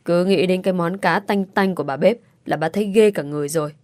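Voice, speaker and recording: Lady reading as a gruff old dad, grumbly and scolding, lowish voice, dry close sound. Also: fast, a little mellow, no echo, natural voice. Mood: grumbling. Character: stern but soft-hearted older father.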